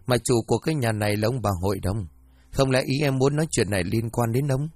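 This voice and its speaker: A man's voice: medium pitch, fast, darkish tone, dry recording, lightly acted. A man voicing a cold, shrewish second wife of a rich landlord in a storybook reading.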